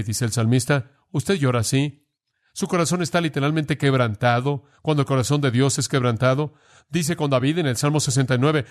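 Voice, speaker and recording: Man, sermon, earnest, direct questions to listeners, medium pitch. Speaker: preacher.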